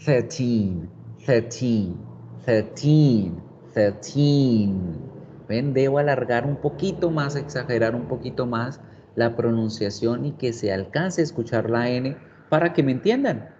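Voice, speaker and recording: A man's voice: mid-range voice, moderate pace, darkish tone. A male English teacher giving an online class, explaining patiently and step by step. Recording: dull lo-fi sound, faint background noise.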